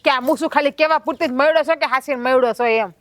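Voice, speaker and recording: A woman playing a sharp-tongued village wife who taunts her husband in a family drama. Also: sits high, quick pace, no room sound, natural voice. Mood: taunting.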